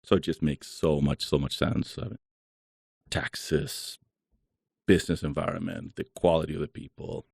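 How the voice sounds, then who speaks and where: A man from Chile speaks in a very deep, gravelly voice, relaxed and chatty, with lots of "uh" fillers as he talks. He is recorded close on a dry mic with no room sound. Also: moderate pace, dry recording. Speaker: guest, solar company founder. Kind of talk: casual interview talk.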